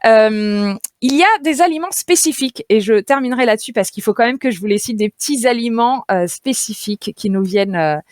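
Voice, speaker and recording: A woman's voice: on the high side, lively intonation, brisk, few pauses, no room sound, clean studio sound. A woman dietitian speaking on a radio show, chatty and playful, with many fillers and easy laughter. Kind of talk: radio nutrition segment, lively explaining. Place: radio studio. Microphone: studio radio mic.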